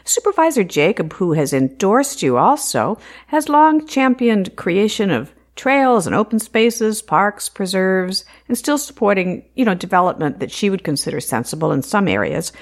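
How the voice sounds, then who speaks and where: Lively low gravelly woman interviewer. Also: moderate pace, hardly any pauses. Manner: friendly, brief affirmations. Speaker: radio interviewer. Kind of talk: radio interview questions.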